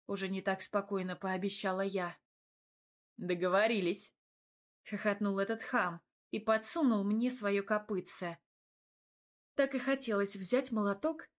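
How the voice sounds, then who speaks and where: Expressive woman reading an audiobook. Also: medium pitch. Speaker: audiobook reader. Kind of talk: first-person novel narration with character voices.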